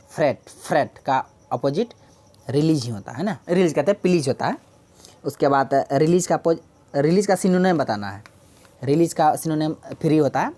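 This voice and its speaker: Woman teacher, low voice, keeps repeating words n asking her own questions, exam prep english class. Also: dark tone. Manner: explains patiently, repeats key words, asks and answers own questions.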